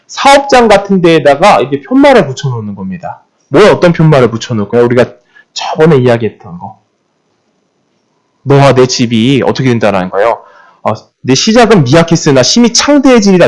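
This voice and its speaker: A man's voice: medium pitch, darkish tone. A man preaching a sermon, asking the congregation rhetorical questions and repeating key phrases for emphasis.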